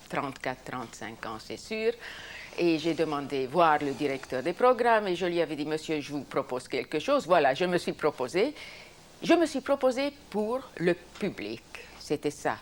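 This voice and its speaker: Lively older woman with a French accent. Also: low-pitched, a little hiss or hum. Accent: European French. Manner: spontaneous, animated storytelling with restarts. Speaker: interviewee, former TV host. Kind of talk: reminiscing interview.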